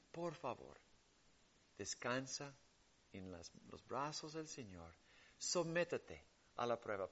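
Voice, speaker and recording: A man preaching a sermon with emphatic stresses that drop to hushed, soft passages. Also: highs cut off. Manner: emphatic preaching that swings between loud stresses and hushed lows.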